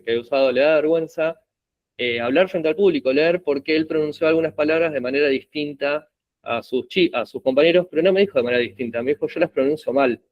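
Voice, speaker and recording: Tipo argentino dando clase online, va chequeando con "¿sí?", sonido opaco. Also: male voice, a little high, highs cut off. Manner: explanatory, checks in with frequent "¿sí?". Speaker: teacher. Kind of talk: university lecture.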